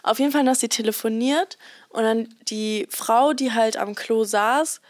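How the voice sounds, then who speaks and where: A young woman hosting a casual podcast, telling a story in a lively, slangy way and acting out what people said. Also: on the high side, a little slow. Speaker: podcast host. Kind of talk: casual chat.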